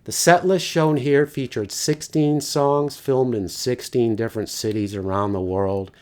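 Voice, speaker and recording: A man's voice: mid-range voice, fairly even intonation, measured pace, darkish tone. A middle-aged man narrating a casual, wry review with occasional mild swearing.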